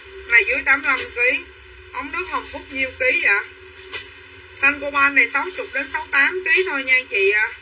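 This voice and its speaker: On a livestream, a woman with a high voice sells clothes at a quick clip, repeating her hard-sell lines and calling out buyer names. She's recorded from a distance, slightly off-mic, with faint room noise.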